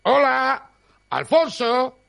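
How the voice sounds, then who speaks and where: High, bright-voiced man hosting Spanish sports radio. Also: very animated, drawn-out words, creaky. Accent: Spanish, from Spain. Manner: colloquial, repeats himself. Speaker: sports radio show host. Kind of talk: lively informal radio presenting.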